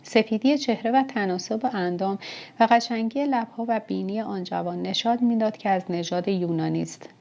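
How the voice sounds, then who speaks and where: A woman reads a historical novel aloud in the first person at a steady, measured pace. Her voice is warm and dark-toned. The audiobook recording sounds muffled and lo-fi. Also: medium pitch, vocal fry. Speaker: audiobook narrator.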